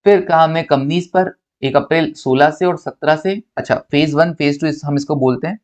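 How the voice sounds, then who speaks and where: A man from India with a voice on the high side delivers a recorded accountancy lecture at a moderate pace. He playfully teases his students and poses questions that he then answers himself.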